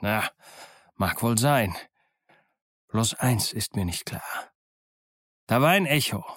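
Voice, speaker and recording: A man voicing a gruff, scornful old one-legged pirate in an audiobook, speaking boldly and loudly. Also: fairly low pitch, animated, slow pace, no echo, clean studio sound, heavily acted. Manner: bold, scornful, loud. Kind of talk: audiobook character voice.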